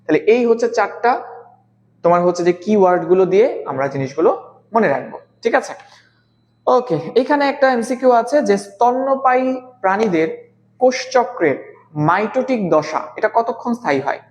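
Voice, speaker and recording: In a live online biology class, a man speaks slowly and with deliberation, repeats important terms, and quizzes the students. His voice sits high and sounds animated, though the audio is dull.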